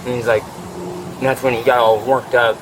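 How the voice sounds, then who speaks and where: A man questioned outdoors by a deputy, retelling a fight in a rambling, profane way and often clearing his throat, picked up by a body camera. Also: medium pitch, little pitch movement, fairly quick. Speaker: witness interviewed by deputy. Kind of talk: bodycam interview, agitated retelling. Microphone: officer's body camera. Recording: noisy outdoor bodycam audio.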